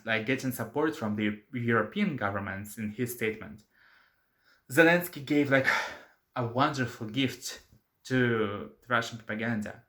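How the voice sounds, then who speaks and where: Hesitant man with a low, bright voice. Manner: hesitant and careful, many fillers. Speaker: channel host. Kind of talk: casual opinion vlog.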